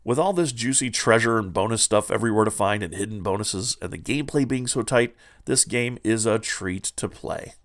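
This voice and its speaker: A man's voice: fairly low pitch, moderate pace, hardly any pauses. A man hosting a comedic video game review show, talking in a playful, hyped way with slangy asides.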